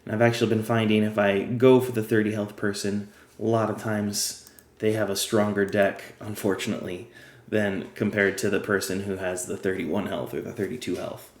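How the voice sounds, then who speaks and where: A man with a slightly low voice that is wearing thin, as he says himself. He talks casually and explains the rules step by step while he plays. The room gives his voice a noticeable echo. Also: little pitch movement, normal speed. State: losing his voice. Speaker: game guide creator. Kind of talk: casual gameplay tutorial.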